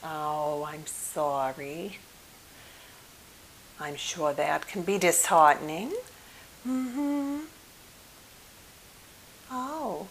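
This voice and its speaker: Speaking slowly in a fairly low voice, a woman plays a courteous, slightly flustered therapist for ASMR, patient and attentive as she improvises one side of a conversation. She halts and hesitates, murmuring soft acknowledgements. Audio quality is poor, with audible hiss underneath.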